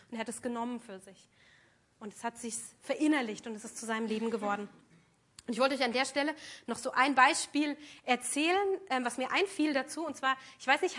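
A woman's voice: a little high, a bit bright. A woman preaching a sermon, earnest and emphatic, speaking directly to her congregation.

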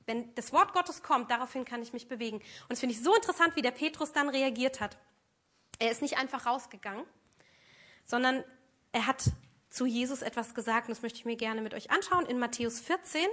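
A woman's voice: fairly high pitch, normal speed, sharp tone. A woman preaching a sermon, earnest and emphatic, speaking directly to her congregation.

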